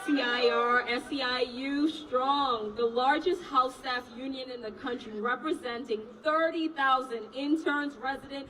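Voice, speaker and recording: A woman's voice: sits high, measured pace, hardly any pauses. A woman from Trinidad and Tobago, a resident physician and union officer, giving a rousing rally speech and chanting slogans. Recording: distant mic, loud crowd and street noise.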